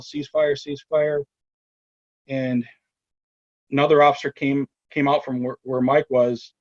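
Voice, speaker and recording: A man's voice: mid-range voice, no room sound, dull audio. Guy telling his cop story on a podcast, lots of ums and restarts, dry dullish sound. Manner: halting, repeats words, many pauses and ums; quotes shouted commands in a raised voice. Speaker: retired police officer telling his story. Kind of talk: personal account in a podcast interview.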